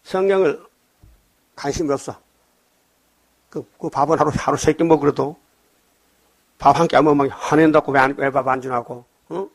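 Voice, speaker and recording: An older man preaching a sermon, scolding his congregation with rapid rhetorical questions. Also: on the high side, steady tone, gravelly. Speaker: pastor.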